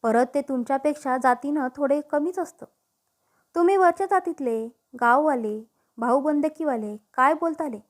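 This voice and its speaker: A sly middle-aged gossip leans in, as a woman reads her, dripping hints in a confiding, insinuating tone. Her voice sits high and light, and this is a spoken storybook. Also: moderate pace, close to an everyday voice.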